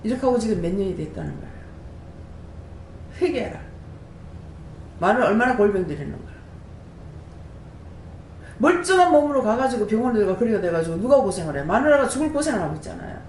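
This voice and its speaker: Speaking quickly, a prayer house director delivers an animated testimony sermon and fires rhetorical questions at her congregation. Her voice echoes in a room with a faint rumble underneath.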